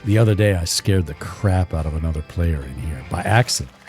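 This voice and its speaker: A man's voice: sits low, a little fast, a little mellow, soft background music. A man streaming a western role-play game, chatting casually and rambling through stories with chuckles. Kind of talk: casual in-character chat while streaming.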